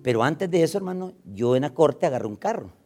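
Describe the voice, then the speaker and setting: A man's voice: fairly high pitch, very animated, quick pace, dark tone. A male pastor with a Salvadoran accent preaching a sermon, telling stories and acting out the dialogue, often calling out to his listeners. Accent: Salvadoran Spanish. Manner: storytelling, acting out dialogue, frequent "hermano" and "¿va?".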